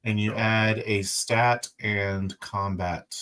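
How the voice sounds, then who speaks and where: A man's voice: fairly low pitch, level tone, takes it slowly, a bit bright, a little hiss or hum. A man chatting casually and joking around while making characters for a tabletop game.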